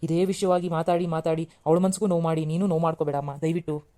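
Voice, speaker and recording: A woman voicing a young husband and son in a cartoon serial, gently reasoning and pleading with his mother. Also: deep voice, flat delivery, fast talker, natural voice. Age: young adult. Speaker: cartoon voice actor.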